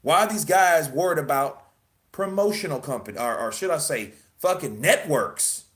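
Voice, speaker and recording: A man's voice: on the high side, lively intonation, moderate pace, a bit bright. A man hosting casual boxing commentary, emphatic and profane, firing off rhetorical questions. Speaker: boxing news host.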